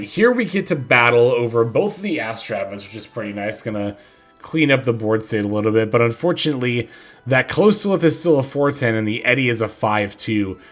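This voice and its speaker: A man's voice: medium pitch, a bit bright. A man hosting a card game channel, thinking aloud in easygoing commentary while he plays. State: has the hiccups. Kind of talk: casual gameplay commentary.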